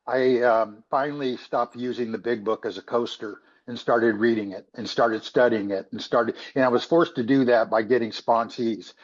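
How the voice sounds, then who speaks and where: A man asking a question at a recovery meeting over a video call, halting and full of restarts. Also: medium pitch, muffled recording.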